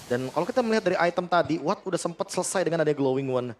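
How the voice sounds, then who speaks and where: A man's voice: a little high, animated, racing, slight background noise. A man giving analytical esports commentary as a co-caster, explaining tactics as the match runs.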